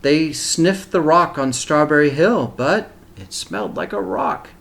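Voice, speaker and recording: A man reading a picture book aloud to young children as a teacher, pausing for simple explanatory asides. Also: on the high side, sing-song, a bit bright.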